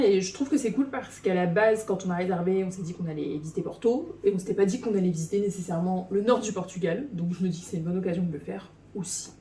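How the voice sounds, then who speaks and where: Une vlogueuse qui parle de façon décontractée et hésitante, enregistrée chez elle dans un appartement avec une caméra posée à distance. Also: female voice, mid-range voice, darkish tone. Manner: rambling, many hesitations. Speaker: travel vlogger. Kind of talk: casual vlog monologue. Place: apartment indoors. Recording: echoey room, from far off, faint noise.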